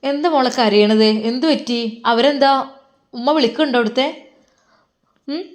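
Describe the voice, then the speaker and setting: A woman's voice: sits high, normal speed, natural voice. A woman voices a caring storybook father who speaks in a Malappuram Malayalam accent. He talks to his daughter tenderly and patiently. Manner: tender, coaxing. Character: gentle caring middle-aged father.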